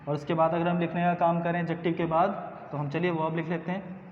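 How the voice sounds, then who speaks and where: A man teaching an English grammar lesson. He asks the students questions, answers them himself, and drills pronunciation slowly. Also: fairly high pitch, level tone. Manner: slow, drawn-out pronunciation drills. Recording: echoey, dull room recording with faint noise.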